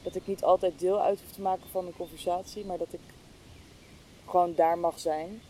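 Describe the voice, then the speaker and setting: A warm-toned woman talks at a moderate pace with fairly even intonation, hesitantly searching for thoughts in a relaxed, reflective chat. She serves as interview guest and podcast hostess, and clear low rumbling background noise is present.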